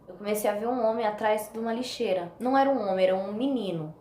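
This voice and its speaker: A woman with a Brazilian Portuguese accent telling a personal story as a vlogger, animated and acting out the voices of the people in it. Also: medium pitch, quick pace. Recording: echoey room with faint noise.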